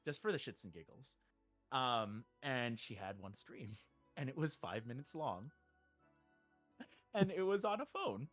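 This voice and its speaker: A male streamer telling a story in casual chat. He is animated, swears freely and acts out the quotes. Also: mid-range voice, a little slow, pauses often, faint music behind.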